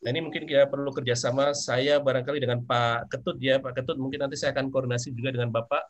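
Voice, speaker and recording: A male visiting professor giving formal remarks at a meeting, hesitant and full of pauses. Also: medium pitch, steady tone. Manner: hesitant, many fillers.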